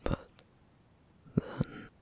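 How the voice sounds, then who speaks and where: In an ASMR roleplay, a man plays a gentle, duty-bound flame demon, delivering an intimate monologue in soft, slow, formal phrases. His voice is breathy, whispery, rough and gravelly, and the mood is wistful and reverent.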